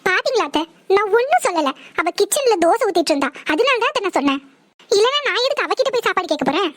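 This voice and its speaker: A woman's voice: very high-pitched, big pitch swings, fast talker, no room sound, studio quality. A woman voicing a bossy, spoiled young woman in a cartoon, talking in a demanding, whiny way. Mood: complaining. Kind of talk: cartoon voice acting.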